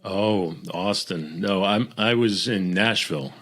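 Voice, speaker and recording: A middle-aged man from the Boston area talks as a podcast guest, relaxed and friendly as he tells his story. His voice is very low-pitched. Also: takes it slowly. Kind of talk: casual interview chat.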